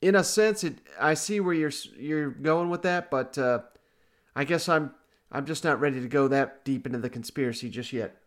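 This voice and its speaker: A man with a fairly high voice hosts a sports podcast. He talks casually and conversationally, as with a friend. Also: normal speed. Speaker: podcast host.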